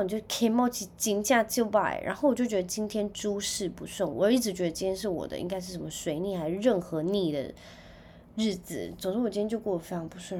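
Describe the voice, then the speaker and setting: A young woman with a Taiwanese Mandarin accent hosts a podcast, telling stories in a chatty way with sudden loud outbursts. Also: mid-range voice, a little hiss or hum. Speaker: podcast host. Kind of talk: casual chat.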